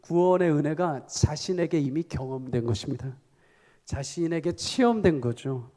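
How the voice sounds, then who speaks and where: A middle-aged male pastor preaching a sermon at a prayer meeting, swelling to loud, high exhortations and then dropping to a soft, quiet tone. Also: expressive, moderate pace. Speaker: senior pastor. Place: church sanctuary. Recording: long reverb of a church hall.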